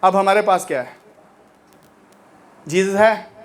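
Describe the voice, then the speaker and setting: A male pastor preaching a sermon with fervour, rising to shouts and dropping low, and acting out the voices of his congregation. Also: takes it slowly.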